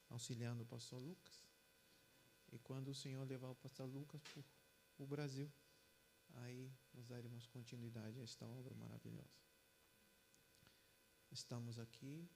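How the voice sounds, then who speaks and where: A man's voice: mid-range voice, vocal fry, slight background noise, rough recording. A man from Peru with a Peruvian Spanish accent, a pastor speaking Portuguese, chatting with his congregation and then praying fervently. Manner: casual chatty introduction, then fervent loud prayer. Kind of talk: sermon and prayer. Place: church.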